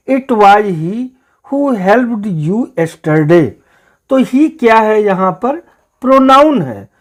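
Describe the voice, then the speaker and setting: Give me a teacher walking through a grammar lesson at an unhurried pace, reading each example sentence out carefully. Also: medium pitch, a little mellow. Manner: spells out example sentences slowly and repeats key points.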